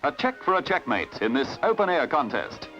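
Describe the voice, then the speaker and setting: A man's voice: a little high, big pitch swings, normal speed, bright, forceful tone. A man with an Australian accent giving formal, dramatic scripted narration for an old newsreel. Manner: formal, dramatic announcer delivery. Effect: old newsreel recording. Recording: dull lo-fi old film soundtrack with music.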